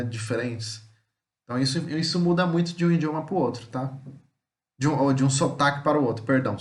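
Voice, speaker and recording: A Brazilian man with a Brazilian Portuguese accent giving a relaxed, conversational homeschool lesson, often tagging his sentences with checks for understanding. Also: mid-range voice, roomy sound. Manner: conversational, many filler tags and repetitions. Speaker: teacher.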